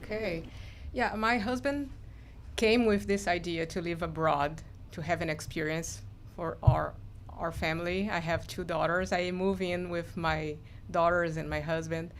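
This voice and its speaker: A woman's voice: fairly low pitch, steady tone, measured pace, a little hiss or hum. A woman from Brazil, a student panelist, talking in a friendly, casual and slightly hesitant way.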